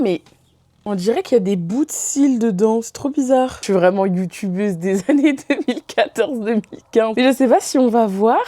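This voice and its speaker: Young woman, mellow voice, chatty vlog. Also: medium pitch. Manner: chatty, giggly, enthusiastic with casual slang. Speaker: beauty and haul vlogger. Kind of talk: casual chat to camera. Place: her bedroom. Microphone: camera very close to her face.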